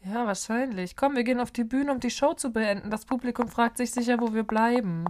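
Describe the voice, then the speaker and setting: A woman's voice: fairly high pitch, fairly quick, a little mellow. A woman co-hosting a comedy audio-drama skit, playful and teasing. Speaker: co-host. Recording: noisy room recording.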